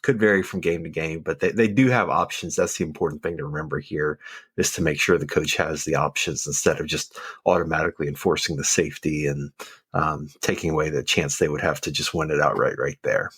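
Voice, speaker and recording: A man's voice: rumbling low, brisk, fairly bright tone, breathy edge, dry recording. A man co-hosting a podcast, explaining officiating rules in a casual, methodical way with frequent fillers. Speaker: podcast co-host, football official.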